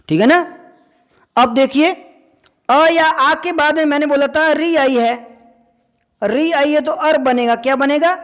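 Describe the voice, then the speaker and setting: High-voiced man teaching in a reverberant room. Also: a bit bright. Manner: repeats key points with quiz-like questions to students. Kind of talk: classroom grammar lesson. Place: classroom.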